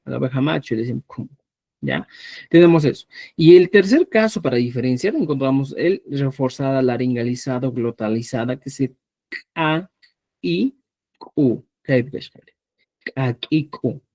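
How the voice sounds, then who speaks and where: A man from Peru teaching a live online language class, patiently repeating words slowly so students can hear the pronunciation. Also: mid-range voice, warm tone, dry recording. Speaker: Quechua teacher.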